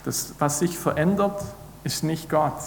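A man's voice: on the high side, a little slow, vocal fry, slight background noise. A man preaching a sermon, earnest and building to emphatic repeated declarations. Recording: echoey hall with long reverb.

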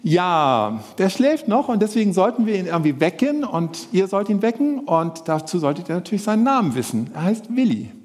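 A man presenting a live puppet show for children, speaking to them directly in a lively way. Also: sits high, brisk, hardly any pauses, in a large hall.

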